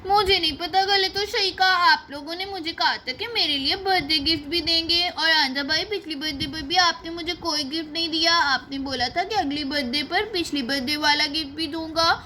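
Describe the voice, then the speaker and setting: Cast a woman as a demanding, pouty kid sister, high bright voice, doll-play story. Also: normal speed, few pauses, slight background noise. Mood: sulking. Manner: pouting, demanding. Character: sulky spoiled younger sister, birthday girl.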